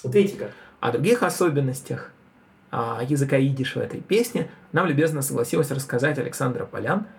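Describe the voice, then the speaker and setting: A man's voice: medium pitch, animated, brisk, creaky. A man, a folklore collector, presenting and explaining a field recording with enthusiasm.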